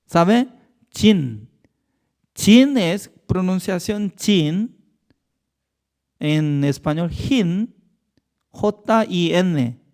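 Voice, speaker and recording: Un pastor con acento coreano, de lengua materna coreana, que enseña un estudio bíblico con énfasis y preguntas retóricas. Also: male voice, sits high, expressive, very slow, long pauses, a little mellow. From Korea. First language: Korean. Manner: emphatic, with rhetorical questions and non-native grammar. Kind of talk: Bible study teaching.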